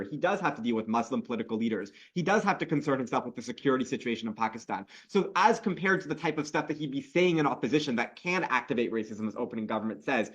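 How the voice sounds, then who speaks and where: A man giving a rapid competitive debate speech, pressing his arguments and correcting himself mid-sentence. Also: medium pitch, breathy edge, dull audio.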